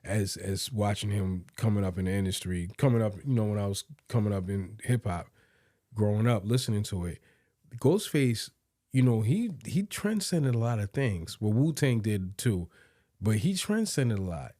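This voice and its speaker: A man with a low, mellow voice co-hosting a casual podcast, relaxed and agreeable. The sound is dry and close, with no room echo. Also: normal speed. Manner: relaxed, agreeable, frequent affirmations. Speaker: podcast co-host.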